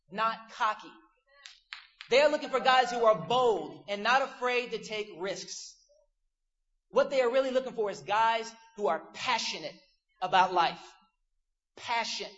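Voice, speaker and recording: A man's voice: very high voice, a bit bright, lo-fi sound. A man preaching a casual, joking youth sermon to a crowd of teens.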